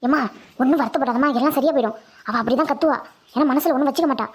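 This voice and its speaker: A performer voicing a kind old grandmother in a cartoon, talking in a soft, consoling, motherly way. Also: high voice, racing. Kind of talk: cartoon voice acting.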